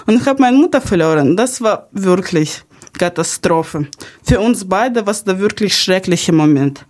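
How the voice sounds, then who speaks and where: In a darkish, mid-range voice, a young Ukrainian-accented woman from Kharkiv narrates personal experiences on her podcast. She speaks German non-natively, making small grammar slips.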